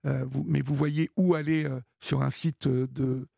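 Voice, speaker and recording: Gravelly male radio call-in host. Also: medium pitch, flat delivery, measured pace, no echo, studio quality. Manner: warm advice, many hesitations and restarts. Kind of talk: late-night call-in radio chat. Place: radio studio.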